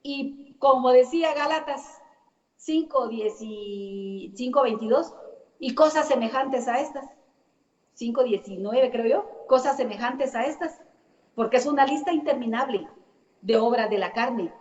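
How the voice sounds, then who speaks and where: Woman preacher, high voice, emphatic repetition, distant mic, dull muffled recording. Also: unhurried. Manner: emphatic, repeats phrases in long lists. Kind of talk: church sermon. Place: church. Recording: echoey hall, distant mic, dull sound.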